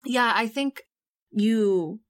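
A woman's voice: fairly high pitch, drawn-out words. A woman running a tabletop role-playing game as game master, playful and laughing often, swearing casually. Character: Marco, a conflicted monster hunter.

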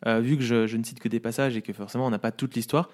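A man's voice: medium pitch, fairly even intonation, a little mellow. A man presenting his segment on a casual podcast, hesitant and full of fillers. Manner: hesitant, many fillers, quick. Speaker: podcast co-host and columnist. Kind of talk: casual banter among friends.

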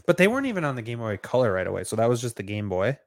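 Young male podcast co-host, mid-pitched, quick and animated, dry mic. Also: no room sound. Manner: quick, excitable banter. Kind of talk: casual chat.

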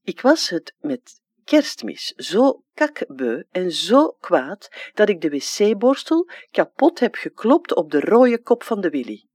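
A childlike, wistful dead man with a Flemish accent, as a reader puts him on. His plain dialect talk leaps high and drops low in lively swings. The sound is dry and close, with no room around it. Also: slow pace, few pauses, no echo. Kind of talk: dramatic literary reading.

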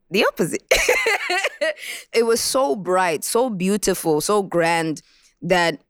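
A woman recording artist from Botswana, telling in an interview, in a reflective and animated way, how she wrote a song. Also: deep voice, dry recording, clean studio sound. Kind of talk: interview about making a song.

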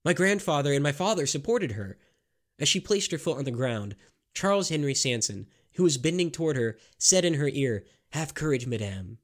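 A man narrating a scripted history story in a measured, grave storytelling manner. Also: a little high, animated.

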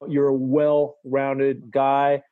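Male podcast host, middle-aged, enthusiastic, mid-pitched, dry home-studio sound. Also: monotone, drawn-out words, dry recording, phone-quality sound. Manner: upbeat, enthusiastic, frequent restarts. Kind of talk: casual podcast talk.

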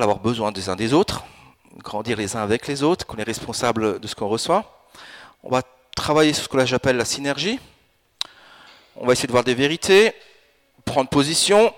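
A man in his fifties delivers a church sermon from the pulpit. His voice sits at a middle pitch, and his delivery is animated, rising into emphatic, urgent bursts as he presses his points. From France and Italy. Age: 50s. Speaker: pastor. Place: church in Alsace.

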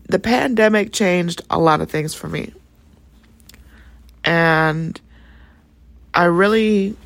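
Woman, podcast host, low gravelly voice, chatty storytelling, dry close sound. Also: dry recording. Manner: chatty and animated, jumps into high voices for quotes. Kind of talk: casual storytelling monologue.

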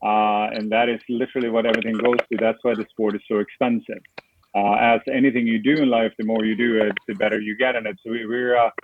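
Speaking quickly in a lowish voice with little pitch movement, a middle-aged foundation founder from Sweden chats as an interview guest over a call. His answers ramble, packed with fillers and false starts, and the line sounds tinny and noisy, like a phone.

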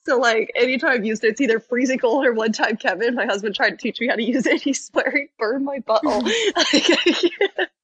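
A woman's voice: on the high side, fast talker, hardly any pauses, fairly bright tone, slight background noise, poor audio. A young woman co-hosting a chat podcast while sick with a fever, laughing a lot and talking bluntly about her kids. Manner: giggly, candid and crude. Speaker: podcast co-host. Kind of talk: casual chat.

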